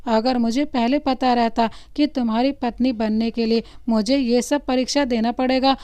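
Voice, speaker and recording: A woman's voice: on the high side, steady tone, moderate pace, dark tone, clear, resonant tone, no echo, close to an everyday voice. A woman voicing a timid young bride. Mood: tender. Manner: pleading, anxious.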